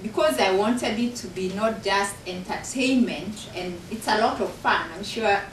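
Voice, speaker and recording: A Kenyan woman, an author and professor, speaks earnestly about her book to an audience gathered in a university function room. Her voice is medium in pitch and her pace is normal, with a Kenyan accent. The mic sits far away, so the room sounds echoey and there's slight background noise.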